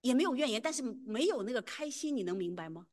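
A middle-aged woman recounts her faith testimony in an earnest, emotional storytelling manner. Her husky, breathy voice often falls almost to a whisper. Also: a little high, expressive, fast talker, a little mellow. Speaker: church member giving a testimony.

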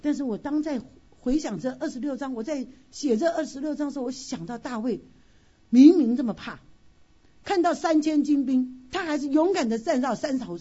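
A woman's voice: high-pitched, a little mellow, highs cut off. A woman giving an emotional personal testimony at church, telling her story expressively with frequent sighing exclamations. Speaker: church member sharing a testimony.

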